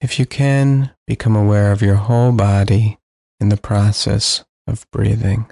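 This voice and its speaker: A man guiding a sleep meditation, speaking slowly and soothingly with long pauses. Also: lowish voice, flat delivery, creaky, dark tone, no room sound, studio quality. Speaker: meditation guide.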